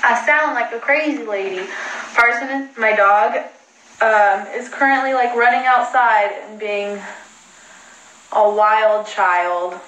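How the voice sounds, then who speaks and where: Speaking slowly in a slightly high, steady voice with a fairly bright tone, this young adult livestream host chats from indoors at home. She rambles and mocks herself while on the phone. There's a little hiss or hum, and the room echoes.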